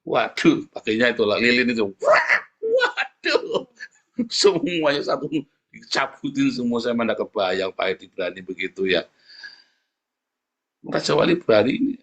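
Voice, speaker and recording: Husky, mid-range male pastor, lively preaching with sudden high exclamations. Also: moderate pace. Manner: animated preaching, pitch leaping up for emphasis; often addresses the congregation as "saudara". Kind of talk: sermon.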